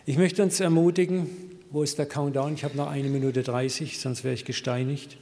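A middle-aged man preaching a sermon, telling a story in a lively way and translating English quotes into German. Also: fairly high pitch, fairly quick, in a large hall. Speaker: pastor.

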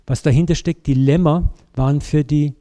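Warm-voiced German-speaking preacher. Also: male voice, a little high, normal speed. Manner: lively storytelling, addresses the congregation directly. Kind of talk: sermon.

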